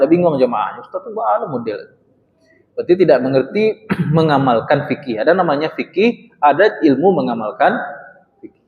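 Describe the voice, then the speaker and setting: A man, a religious teacher, giving a study-circle lesson on Quran recitation, stretching out recited phrases and quizzing his listeners. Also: mid-range voice. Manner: slowly drawn-out recitation demonstrations, quizzes the congregation. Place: mosque hall. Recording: echoey mosque hall, dull sound.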